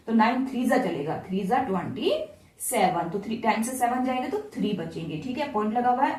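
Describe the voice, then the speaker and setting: A woman's voice: on the high side, a little mellow, roomy sound, far from the mic. A woman teacher, patiently walking students through each step and asking them questions. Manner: patient, repeats steps and asks the class questions. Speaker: math teacher. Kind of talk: explaining math steps to students.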